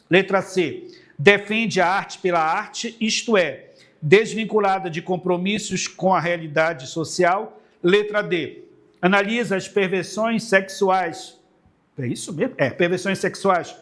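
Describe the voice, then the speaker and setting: Brazilian teacher guy, middle-aged, highish voice, asks and answers his own questions, chatty class vibe. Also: fairly bright tone. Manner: casual classroom tone, addresses students directly. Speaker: literature teacher. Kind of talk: exam-prep video lesson.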